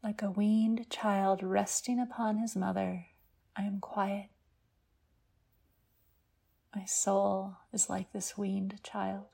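Woman, guided meditation, sleep story narration, soft breathy near-whisper, mellow tone, creaky edges, gentle and unhurried. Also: medium pitch, flat delivery. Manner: hushed, gentle, unhurried delivery with long pauses.

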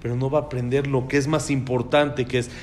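A man's voice: mid-range voice, little pitch movement, a little fast, darkish tone, slight background noise. A man teaching a religious class on raising children, speaking emphatically and putting questions to his listeners. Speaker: Torah teacher.

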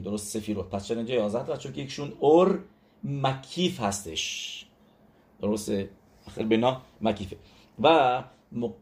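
A man's voice: mid-range voice, a little mellow. A man giving a religious lesson, speaking emphatically, repeating key words and checking in with his listeners. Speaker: religious teacher. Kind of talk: religious lesson on letter numerology.

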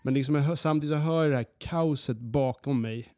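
A man casually telling an animated story, laughing often and swearing freely. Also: mid-range voice, no room sound. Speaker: podcast host telling a story.

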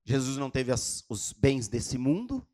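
A man from Brazil with a Brazilian Portuguese accent, preaching a sermon in short dramatic phrases and pausing for his interpreter. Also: mid-range voice, very animated, warm tone. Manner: dramatic storytelling, pauses for interpretation, exclaims wow. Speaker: visiting preacher.

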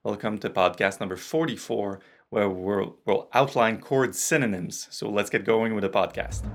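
A man's voice: fairly low pitch, normal speed. A man with a French Canadian accent, hosting a casual jazz guitar podcast lesson, his voice strained from a cold, chatty and explanatory. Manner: chatty, explanatory, with occasional "uh" and restarts.

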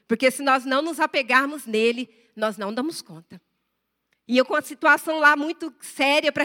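A woman's voice: high voice, sharp tone, long reverb tail. A woman preacher giving a fervent, emotional testimony and addressing the congregation directly in a sermon.

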